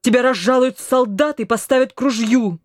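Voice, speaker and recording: Quick indignant young noblewoman, dry close sound, storybook reading, woman voicing her. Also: fairly high pitch, no room sound, pitched above the performer's own voice, natural voice. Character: hot-tempered young noble daughter.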